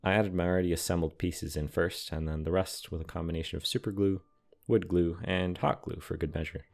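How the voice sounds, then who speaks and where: A young man giving a calm, matter-of-fact scripted voice-over explaining how he builds a large model. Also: sits low, brisk, creaky. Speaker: scale model and terrain builder. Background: soft background music.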